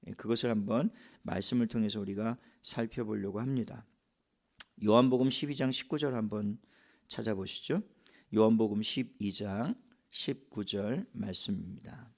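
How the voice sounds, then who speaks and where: A man's voice: on the low side, normal speed, vocal fry, a little mellow. A middle-aged male pastor delivering a sermon. He explains scripture step by step and puts rhetorical questions to the congregation.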